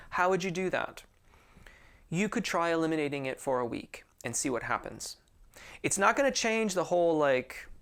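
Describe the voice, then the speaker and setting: A man who teaches singing answers viewer questions in a friendly, chatty, informal way, often restarting his sentences. His voice is a little high and creaky, with a fairly bright tone.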